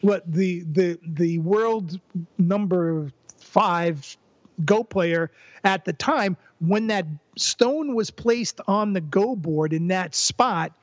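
An older man with a notably high voice speaks as a podcast guest. He reasons aloud, repeating words and restarting as he works toward a point. The sound is dry and close. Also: dry recording. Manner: thoughtful, halting restarts, repeats words while building a point. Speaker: podcast guest, psychologist and former professor. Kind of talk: conversational interview.

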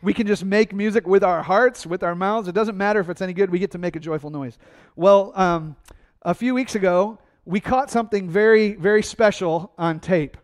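A man preaching a sermon, energetic and conversational, asking his congregation questions and answering them himself. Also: high-pitched, moderate pace. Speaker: pastor.

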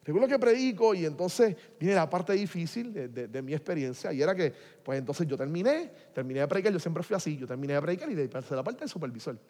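A man preaching a testimony, telling his story animatedly and swinging from hushed to loud. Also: a little high, animated, fast, few pauses. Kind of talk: sermon testimony. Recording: long hall reverb.

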